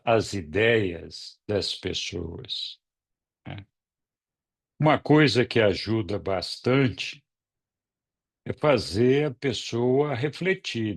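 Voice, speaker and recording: A man in a casual group discussion, speaking calmly and reflectively and posing questions to the listener. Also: medium pitch, creaky. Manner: calm, reflective, asks questions. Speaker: study group member leading the turn-taking.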